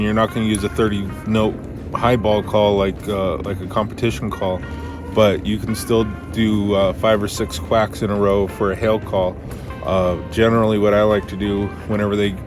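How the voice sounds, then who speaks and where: Low-voiced man giving a casual how-to. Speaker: duck calling instructor.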